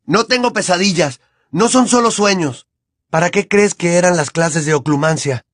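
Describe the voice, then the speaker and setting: A man voicing a stubborn, desperate teenage boy wizard who shouts in heated defiance. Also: fairly high pitch, fast talker, no room sound, clean studio sound, voice pushed up, lightly acted. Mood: angry, insistent.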